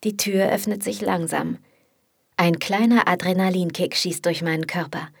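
Woman narrating a first-person audiobook, low, husky and intimate, recorded dry. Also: moderate pace, no echo.

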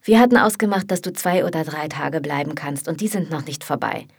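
A woman voicing an easygoing, confident young man in an audiobook, sounding relaxed and self-assured. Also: deep voice, fairly quick, creaky, slightly rough, exaggerated voice. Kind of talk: audiobook character voice.

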